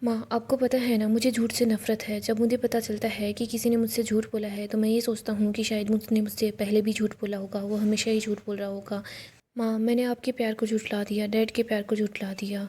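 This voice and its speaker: Remorseful young man, pleading and half-whispered, read by a husky-voiced woman. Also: medium pitch, little pitch movement, fairly quick, mellow, lightly acted. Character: grieving young man begging his mother's forgiveness.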